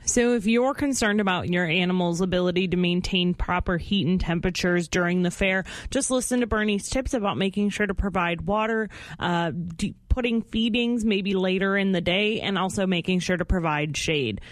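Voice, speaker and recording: A woman's voice: fairly low pitch, moderate pace, hardly any pauses, no room sound. A woman reporting and interviewing for radio.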